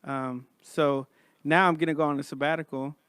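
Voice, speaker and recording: A man's voice: a little high, fairly even intonation, moderate pace, a bit bright, clean tone, dry recording. Casual male podcast host, dry close sound. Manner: informal, says man and bro often. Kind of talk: casual chat.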